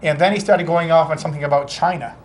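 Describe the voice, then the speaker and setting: A man's voice: on the high side, fairly even intonation, quick pace. Chatty man co-hosting a talk show. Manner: mimics people he talks about, laughs often. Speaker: co-host. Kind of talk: casual political chat.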